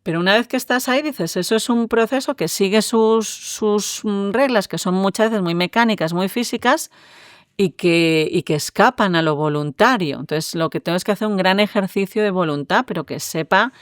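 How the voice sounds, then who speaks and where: Thoughtful woman explaining calmly. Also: mid-range voice, normal speed, no room sound, clean studio sound. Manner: reflective, explanatory, frequent tag questions. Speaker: neuroscientist guest. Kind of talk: conversational interview.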